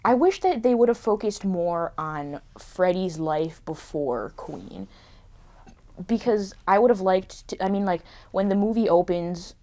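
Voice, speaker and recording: A young adult woman co-hosts a podcast, chatting casually about a film and saying "like" constantly. Her voice is fairly low and warm, with lively intonation and an unhurried pace.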